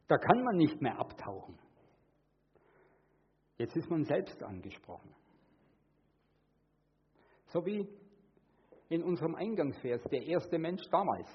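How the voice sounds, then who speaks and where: Husky, animated male preacher. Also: highs cut off. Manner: earnest, shifts between hushed and emphatic; acts out quoted voices with sudden high pitch. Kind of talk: sermon.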